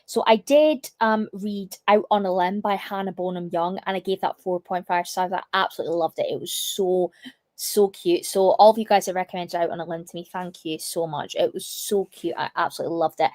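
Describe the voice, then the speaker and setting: A young woman hosting a casual livestream, chatty and full of fillers, her voice still a little croaky from a cough. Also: on the low side, fairly even intonation, fairly quick, a little mellow, no room sound. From United Kingdom. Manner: chatty, reads chat comments aloud, many fillers. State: slightly croaky from a lingering cough. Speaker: livestream host.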